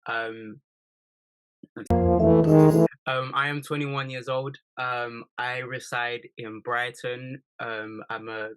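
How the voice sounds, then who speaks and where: A man's voice: medium pitch, little pitch movement, drawn-out words, long pauses, loud music behind the voice, low-quality recording. A young man in his early twenties from East London, co-hosting a podcast in a playful, joking casual chat. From East London, England. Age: 20s. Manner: playful, jokey. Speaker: podcast co-host.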